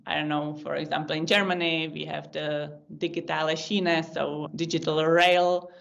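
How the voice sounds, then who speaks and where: Czech woman with a low voice, lo-fi sound. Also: flat delivery, normal speed, creaky. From Czech Republic. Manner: thoughtful, explains in long lists with small restarts. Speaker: podcast guest, data science team lead. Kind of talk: casual interview answers. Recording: lo-fi video call audio.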